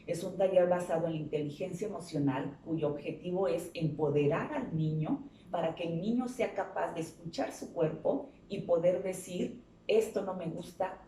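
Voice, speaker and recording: A woman's voice: on the low side, warm tone, slight background noise. Earnest woman explaining in a roomy space. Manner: earnest, explanatory, asks rhetorical questions. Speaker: child psychologist guest. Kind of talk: interview on a talk show. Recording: roomy sound from a distance.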